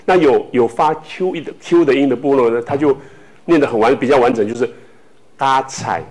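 A man from Taiwan teaching a language class, speaking slowly with many filler tags and repeating words for students to echo. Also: mid-range voice, darkish tone, husky. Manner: filler-heavy speech with frequent "hou" tags.

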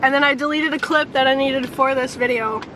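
A woman's voice: high voice, fairly even intonation, a little fast. Chatty teen girl vlogging in a car. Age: teens. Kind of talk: casual car vlog chat. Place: parked car. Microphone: camera on dashboard. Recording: car with wind noise.

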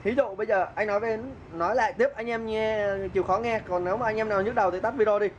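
High-voiced man teaching keyboard. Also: steady tone, quick pace, highs cut off, a little hiss or hum. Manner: chatty, counts beats aloud and hums melodies while playing. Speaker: music teacher. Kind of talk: casual keyboard lesson. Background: keyboard playing.

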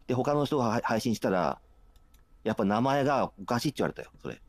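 A man's voice: mid-range voice, big pitch swings, fast talker, no echo. A man calling in to a livestream, arguing insistently and repeating himself in regional dialect. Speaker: caller. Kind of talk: heated livestream argument.

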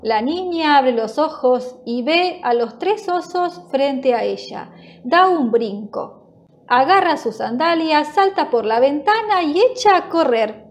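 A woman narrating a children's storybook in a slow, clear, gentle storytelling manner. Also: sits high, expressive.

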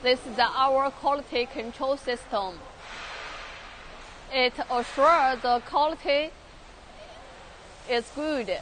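A young Chinese woman touring a large factory workshop in halting English with a Chinese accent, repeating words and using many fillers, filmed on a handheld phone. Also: high-pitched, a bit bright, slight background noise. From China. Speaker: factory tour guide. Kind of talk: live factory tour walkthrough. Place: large industrial workshop and outdoor factory yard.

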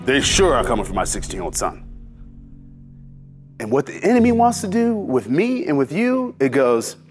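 A man in his forties giving an animated, preacher-like inspirational faith talk, telling stories about his children. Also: mid-range voice, moderate pace, soft background music. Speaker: motivational speaker.

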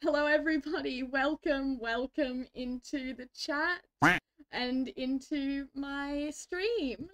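A woman's voice: high voice, takes it slowly, highs cut off. An Australian woman streaming a game, chatting casually with viewers and greeting them with frequent giggles. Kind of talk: casual livestream chat.

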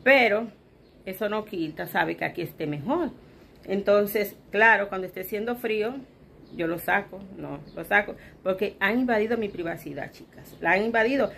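A mother from the Dominican Republic vlogs from her bedroom, chatting to viewers she calls "chicas" and acting out what others said to her. Her mid-range voice is gravelly yet fairly bright, moving at a moderate pace in Dominican Spanish, with a little hiss or hum in the audio.

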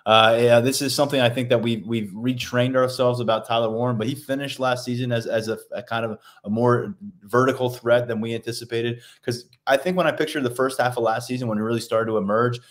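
A man's voice: medium pitch, fairly even intonation, brisk, few pauses. A man co-hosting a sports podcast as a beat reporter, steadily relaying what players told him after the game. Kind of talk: casual sports podcast analysis.

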